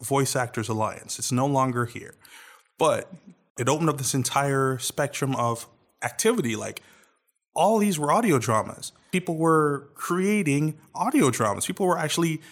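Chatting casually as a guest on a podcast, this American man rambles through many restarts and fillers. His voice is medium-pitched with lively intonation, at a normal speed.

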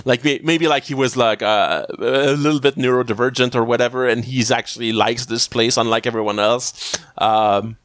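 A man's voice: mid-range voice, steady tone, moderate pace, hardly any pauses, fairly bright tone, no echo, clean studio sound. A man co-hosting a podcast, casually recapping a TV episode with many fillers and restarts. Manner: rambling, many fillers and restarts, frequent laughs. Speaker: podcast co-host.

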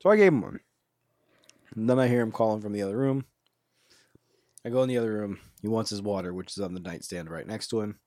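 A man hosting a casual podcast from home, telling anecdotes in a relaxed, storytelling way. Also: on the low side, quick pace, pauses often, no echo, studio quality. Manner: relaxed storyteller, animated delivery. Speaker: podcast host.

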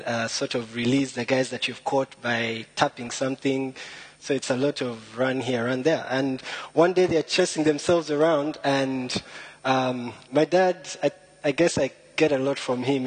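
A young guest speaker from Rwanda, a bit nervous, tells stories informally in a chatty way packed with wordplay and self-mockery. He has a husky, mid-range voice, and the recording is rough.

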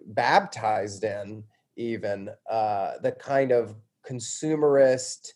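A man with a lowish, slightly mellow voice speaks slowly as an interview guest. He's an American from suburban Atlanta, Georgia, sharing personal stories in a reflective, self-deprecating, conversational way.

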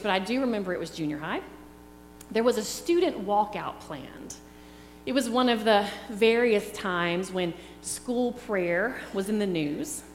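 A middle-aged woman preaching a sermon in an earnest, reflective way. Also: mid-range voice. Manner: slow, earnest, reflective delivery. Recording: echoey hall with faint hum.

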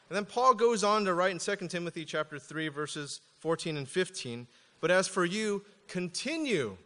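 A man preaching a sermon as pastor, reading scripture aloud slowly and then explaining it with casual asides. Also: on the high side, a bit bright, big-room sound.

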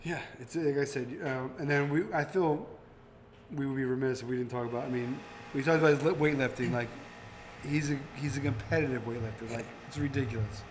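A podcast host with a mid-range voice tells stories fast and animatedly in a brewery taproom, acting out quotes from his own tales. There is slight background noise.

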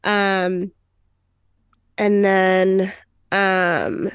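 A woman's voice: medium pitch, little pitch movement, drawn-out words, clean tone, no echo. Brief: woman podcast host, chatty recap, filler-heavy, close dry mic. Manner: chatty, many fillers, acts out quotes. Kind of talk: casual chat recapping a film.

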